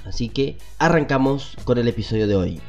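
A man's voice: medium pitch, lively intonation, a little fast, music in the background. A man with a Latin American Spanish accent and a stuffy, congested nose from a cold, hosting a podcast in a casual motivational monologue, speaking directly to listeners. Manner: conversational, addresses listeners directly. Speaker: podcast host.

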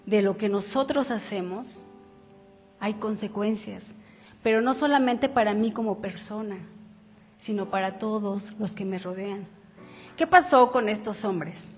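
A woman's voice: mid-range voice, a little slow. A woman preacher giving a conversational sermon, reading scripture aloud and asking rhetorical questions. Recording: reverberant hall with faint music. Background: faint instrumental music.

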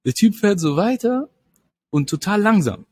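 A young man casually telling a story in slangy talk, animated and laughing often. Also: sits high, normal speed, breathy edge, dry recording.

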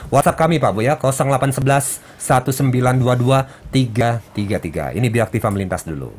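A man's voice: medium pitch, quick pace, breathy edge. A man hosting a health talk show on radio in a casual, chatty way, often seeking agreement. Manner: chatty, frequently seeks agreement with 'ya'.

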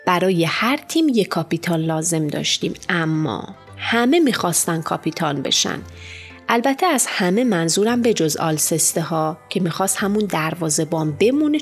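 Low-voiced woman reading a storybook. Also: slightly rough. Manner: lively, expressive storytelling. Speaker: audiobook narrator. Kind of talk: storybook narration as a boy narrator. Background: faint music.

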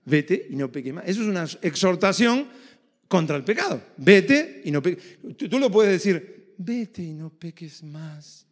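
High-voiced emphatic male preacher. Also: big pitch swings, moderate pace. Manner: emphatic, asks the audience rhetorical questions. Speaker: pastor. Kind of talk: sermon. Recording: reverberant hall.

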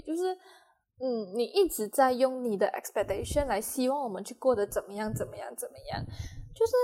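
Fast-chatting young woman. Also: a little high, darkish tone. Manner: chatty, mixes in English words, many fillers and sentence-final particles. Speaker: vlogger. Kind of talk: casual storytelling monologue.

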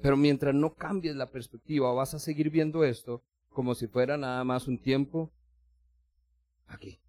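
A male preacher delivers a conversational sermon in a mid-range, slightly mellow voice at a moderate pace with fairly even intonation. The clean studio recording has no room sound, and he speaks to his listeners directly and formally, acting out little scenes from daily life.

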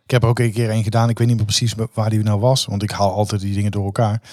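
A man's voice: fairly low pitch, little pitch movement, rapid-fire, a little mellow, no echo, clean studio sound. A man hosting a podcast in casual chat, enthusiastic but often restarting his sentences. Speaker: podcast host.

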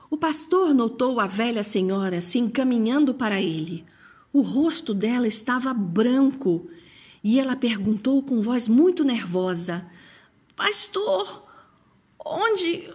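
A woman narrating a story in a measured, expressive way, now and then turning to the listener with a casual aside. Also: a little high, husky.

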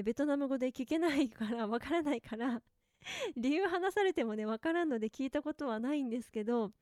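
High-voiced woman podcaster. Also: dry recording, studio quality. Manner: chatty, friendly, lively asides and rhetorical questions. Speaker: podcast host. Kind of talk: casual solo podcast talk.

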